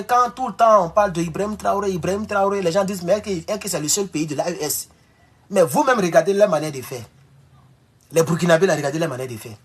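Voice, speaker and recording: A man's voice: sits high, slightly rough. A man hosting a live stream, talking bluntly and scolding commenters, repeating himself often. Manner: blunt, scolding, repetitive with many "voilà". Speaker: YouTube live host. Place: home in Mexico.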